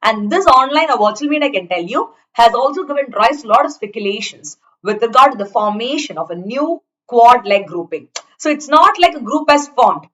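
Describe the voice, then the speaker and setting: A woman's voice: a little high, animated, brisk, fairly bright tone, low-quality recording. A woman with an Indian accent teaching in a conversational lecture style, chatty and explanatory, often checking that students follow. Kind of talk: conversational online exam lecture.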